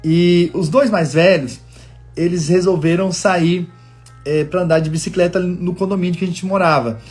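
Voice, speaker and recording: Husky-voiced male pastor, high-pitched. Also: fairly even intonation, normal speed, a little mellow, faint music behind. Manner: storytelling, earnest and encouraging. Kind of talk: sermon. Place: living in the United States.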